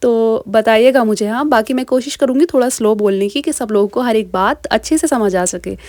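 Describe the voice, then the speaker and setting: A young woman chatting quickly through a casual home vlog voice-over, talking straight to her viewers. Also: on the high side, darkish tone, no echo. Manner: chatty, fast, asks viewers directly. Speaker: vlogger.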